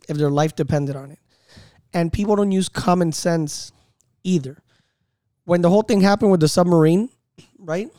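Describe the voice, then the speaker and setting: A man's voice: on the high side, dry recording, studio quality. A man with a Miami accent co-hosting a podcast, talking in a heated, casual way with lots of slang. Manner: animated, heated, talks in bro slang. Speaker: podcast co-host. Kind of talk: casual chat.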